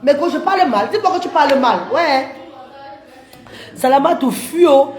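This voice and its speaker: A woman's voice: sits high, animated, unhurried. A woman hosting a livestream, chatting animatedly with viewers, laughing often and calling them maman and papa. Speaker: livestream host. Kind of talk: casual live chat reading comments. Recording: echoey room.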